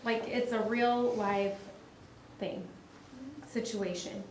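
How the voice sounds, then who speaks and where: A woman's voice: medium pitch, fairly even intonation, slow pace, darkish tone, slight background noise. A woman school board member asking direct questions during a training work session. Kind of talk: casual meeting discussion. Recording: echoey meeting room.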